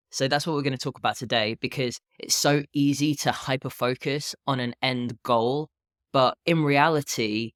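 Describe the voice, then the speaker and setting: A man in his thirties talking casually and candidly on a solo podcast, with a low, unhurried morning voice. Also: fairly bright tone, dry recording, clean studio sound. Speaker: podcast host and health and fitness coach.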